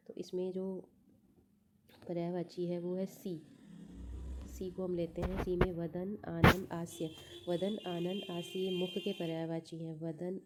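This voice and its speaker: Woman, exam prep teacher, flat delivery, faint background hiss. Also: lowish voice. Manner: methodical, repeats answers, thinks aloud with fillers. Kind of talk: going over test answers.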